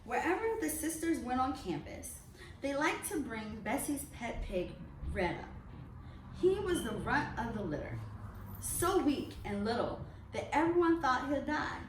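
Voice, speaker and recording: A woman with a high, very lively voice reads a children's picture book aloud at a measured pace, expressive like a storyteller. The mic sits some distance away in an echoey room, and faint noise can be heard.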